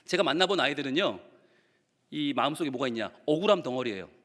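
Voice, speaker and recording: A man's voice: mid-range voice, expressive, quick pace, a bit bright. A male pastor preaching to teachers, telling stories animatedly and acting out the quotes. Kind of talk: sermon to teachers. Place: church sanctuary. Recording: reverberant church hall.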